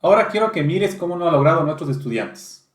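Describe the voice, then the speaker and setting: Male instructor, step-by-step explainer; slightly high pitch, roomy echo. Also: lively intonation, quick pace. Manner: explanatory, checks in with "¿sí?". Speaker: automotive diagnostics instructor. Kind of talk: technical lesson walkthrough.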